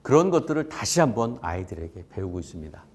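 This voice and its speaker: A man in his fifties, an actor and acting teacher, telling his personal story in an expressive talk. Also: lowish voice, quick pace. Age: 50s. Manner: expressive, acts out quoted voices.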